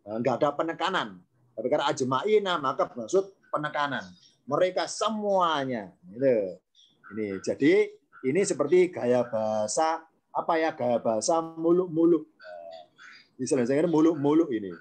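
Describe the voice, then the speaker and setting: A man, his voice sitting a little high, leads an online grammar class. He explains patiently, repeats each key term and stops to quiz his students. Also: very animated, moderate pace. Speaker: Arabic grammar teacher.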